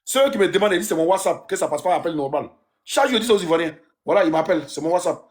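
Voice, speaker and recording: A man's voice: high-pitched, lively intonation, racing. A man with an Ivorian French accent hosting a casual live stream, teasing callers and repeating himself. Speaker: livestream host.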